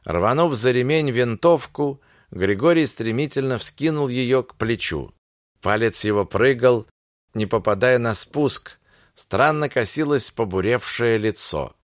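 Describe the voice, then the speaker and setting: A man narrating a literary audiobook in a measured, unhurried storytelling manner. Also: medium pitch, expressive, dry recording, clean studio sound.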